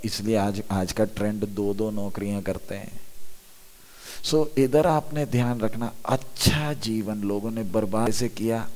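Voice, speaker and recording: A male preacher addresses a youth conference in an unhurried, measured way. He keeps throwing questions at the crowd and then answering them. His voice sits fairly low and rings out with the long reverb of a large hall. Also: darkish tone. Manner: asks the audience questions and answers them himself. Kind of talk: sermon.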